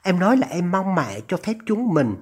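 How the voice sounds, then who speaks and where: A narrator voicing a calm, scheming young woman who speaks softly and coaxingly. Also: medium pitch, normal speed, husky.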